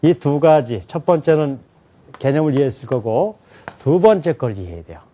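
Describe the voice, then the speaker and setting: A man's voice: on the high side, expressive, normal speed, warm tone. A man teaching a lecture to a live class. He keeps asking the students questions and then answers them himself. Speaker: English teacher.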